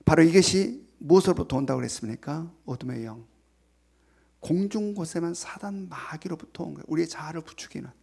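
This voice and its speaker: A man preaching a Sunday sermon as pastor, retelling a parable dramatically and dropping to hushed near-whispers for emphasis. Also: a little high, a little fast, vocal fry, slightly rough. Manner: retells a parable with voiced quotes. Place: church sanctuary.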